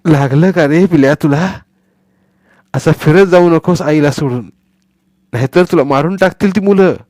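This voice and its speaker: A man voicing a mischievous young village schoolboy who talks quickly and slyly. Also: a little high, darkish tone, no room sound, clean studio sound, pitched above the performer's own voice, close to an everyday voice. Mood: tender. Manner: quick, eager and sly.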